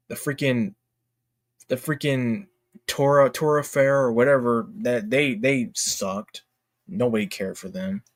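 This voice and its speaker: With a medium-pitched voice recorded in clean studio sound and no room sound, a man hosts a laid-back livestream about games. He is emphatic and opinionated, tossing out "dude" and "bro."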